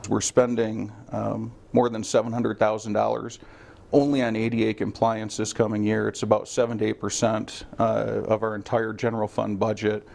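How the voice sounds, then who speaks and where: A man's voice: lowish voice, flat delivery, normal speed, creaky, darkish tone. A man speaking as a city official in a news interview, explaining figures steadily with some fillers.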